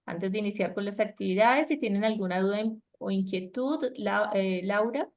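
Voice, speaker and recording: A woman teaches an online English lesson. She explains grammar patiently in a mid-pitched voice and keeps asking her students "right?" to check they follow. She is heard through a video call. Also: moderate pace, darkish tone.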